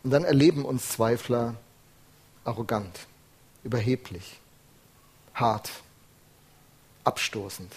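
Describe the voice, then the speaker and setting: Husky-voiced man preaching a sermon. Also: medium pitch, slow pace, pauses often, a little mellow. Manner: earnest, emphatic, with rhetorical questions.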